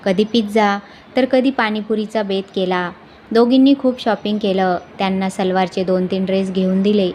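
Woman in a measured storytelling read. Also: mid-range voice, fairly even intonation, darkish tone, a little hiss or hum. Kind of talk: scripted narration of a moral story.

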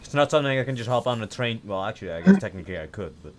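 A man's voice: mid-range voice, lively intonation, rapid-fire, a crowd in the background. A man in his twenties chatting bluntly and wryly on a voice call. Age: 20s. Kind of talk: casual chat. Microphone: voice chat microphone.

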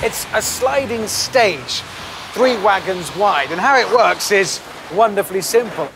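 Upbeat English male presenter, high-pitched, on location, music bed beneath. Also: unhurried, vocal fry. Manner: enthusiastic, playful, easily excited. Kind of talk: on-location factory tour presenting. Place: outdoors at a rail yard and inside a large factory hall.

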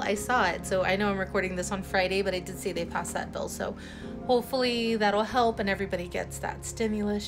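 A young woman doing a chatty, rambling voiceover at home for a cleaning vlog, with lots of fillers and restarts. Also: medium pitch. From San Antonio, Texas. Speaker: cleaning vlogger. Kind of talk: casual voiceover chat.

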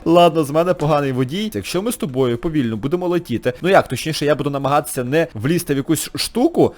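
Excitable man with a lively, high voice. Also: fast, few pauses. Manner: excitable, chatty, laughs often, yelps in high squeals. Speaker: gaming channel host. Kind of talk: let's-play commentary.

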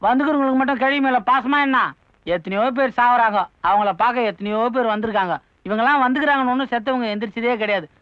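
A cheeky young man in a film comedy, firing off deadpan comebacks. His voice is very high and quick. The sound is dull, with faint music behind. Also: no echo. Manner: flat, matter-of-fact comebacks. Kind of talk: Tamil film comedy acting.

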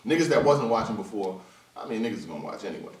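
A man giving a casual, slangy vlog commentary on battle rap, animated and quick to slip into high-pitched mimicry. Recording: roomy echo, voice from a distance.

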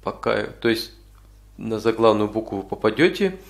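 A man with a lowish voice leads an informal software tutorial. He explains each step as he goes, pausing now and then to find the next word. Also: lively intonation, gravelly. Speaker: tutorial instructor. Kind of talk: informal spoken software walkthrough.

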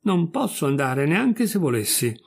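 Guy doing a starving stubborn dog, pleading and arguing, gravelly husky voice. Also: fairly high pitch, big pitch swings, a little slow, exaggerated voice.

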